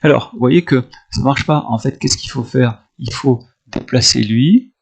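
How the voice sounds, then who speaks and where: A male math teacher talks his students through a homework correction, counting grid squares out loud and pausing to move each step along. His voice has a gravelly, creaky edge and sits at an ordinary middle pitch.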